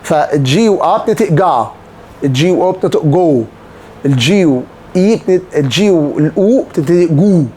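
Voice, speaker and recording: Give me a higher-pitched man with an Egyptian Arabic accent, a teacher who drills every sound by repeating it. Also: animated, a little fast, mellow, slight background noise. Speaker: Italian teacher. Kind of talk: online language lesson.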